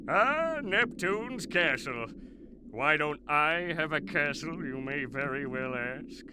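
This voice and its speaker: A man's voice: on the high side, lively intonation, takes it slowly, background noise. A man voicing a tiny, egotistical plankton villain in a cartoon game, theatrical, smug and wordy. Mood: gloating, theatrical. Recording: loud music behind the voice.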